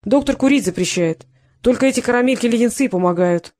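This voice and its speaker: A woman reader voicing a weary, wry middle-aged male investigator laid up in hospital, with a dry, gruff manner. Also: very high-pitched, fairly quick, a little mellow, no room sound.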